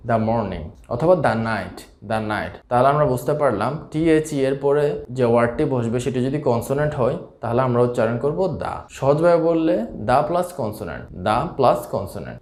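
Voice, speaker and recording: Guy teaching english, patient, says each example twice real slow, echoey room. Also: mid-range voice, darkish tone. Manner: slow, repetitive explanation with drawn-out examples. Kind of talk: spoken English lesson.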